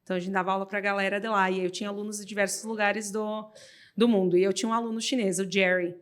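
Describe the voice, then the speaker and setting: A woman's voice: mid-range voice, fairly even intonation, rapid-fire. A woman, a podcast guest, chatting casually and telling stories with frequent laughs. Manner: chatty storyteller who laughs often.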